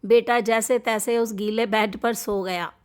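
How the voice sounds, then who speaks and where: A middle-aged woman narrating a moral story in a gentle, measured storytelling manner. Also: fairly high pitch, steady tone, smooth.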